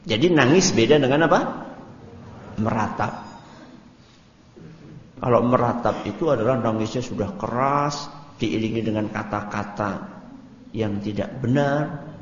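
A man's voice: measured pace, long pauses. A man giving an Islamic study lecture, talking conversationally and quizzing his audience. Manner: conversational, quizzes the audience, animated jumps in pitch. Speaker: Islamic preacher. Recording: echoey hall, dull lo-fi sound, faint hiss.

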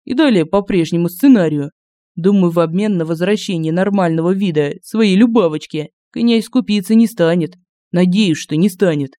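A woman's voice: fairly low pitch, moderate pace, warm tone, no room sound, clean studio sound, natural voice. A woman reading an audiobook, voicing a young male thief who plans things decisively. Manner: decisive, businesslike. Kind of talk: audiobook character voice.

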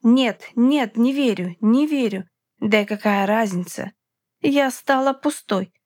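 A woman narrator puts on a bitter young woman bent on revenge, shouting desperately in a storybook. The voice sits fairly high and sounds dry and close to the mic. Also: measured pace, no room sound. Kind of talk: audiobook character voice.

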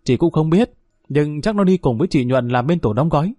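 Male narrator as a friendly middle-aged neighbor woman, chatty, soft tone. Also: fairly high pitch, lively intonation, a little fast, no room sound.

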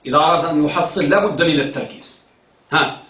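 High bright-voiced male teacher, echoey room. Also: very fast. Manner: questions students, repeats answers. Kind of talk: classroom grammar lesson. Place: classroom. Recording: echoey room, distant mic.

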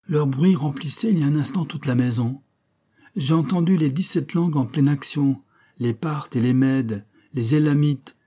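A man's voice: mid-range voice, dark tone, pitched above the performer's own voice, close to an everyday voice. A man doing a scornful hawkish old-school clergyman. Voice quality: nasal, abrupt, mockingly solemn. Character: sardonic middle-aged male clergyman, hawkish and scornful.

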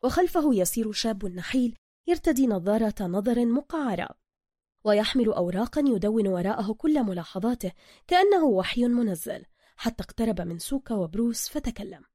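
Brisk woman reading a story. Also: on the high side, very animated, dark tone, no room sound, studio quality. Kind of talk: scripted story narration.

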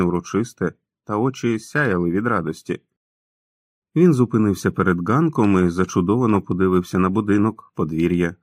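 A man narrating an audiobook in a calm, even storytelling manner. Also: lowish voice, no echo, studio quality. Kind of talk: scripted narration.

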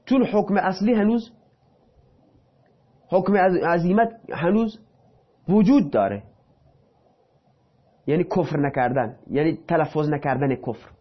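A man's voice: on the high side, muffled recording. A man teaching a lesson who reads a passage aloud, then explains it in plain, casual speech. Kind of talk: reading and explaining a text.

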